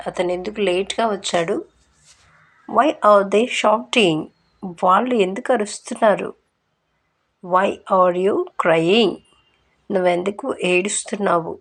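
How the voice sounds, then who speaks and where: Slow, deliberate woman reading drills. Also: mid-range voice. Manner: reads each English sentence very slowly, then the Telugu translation at normal speed. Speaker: language teacher.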